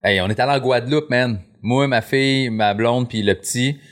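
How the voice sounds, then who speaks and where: A man's voice: medium pitch, moderate pace. A man in his thirties with a Quebec French accent, a podcast guest talking casually, laid-back and swearing often. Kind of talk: casual chat.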